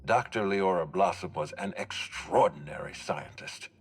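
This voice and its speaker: An actor playing a measured, suspicious orchard boss with a formal, authoritative manner in a video game. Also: male voice, deep voice, slightly rough. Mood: grave, suspicious. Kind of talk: video game character acting.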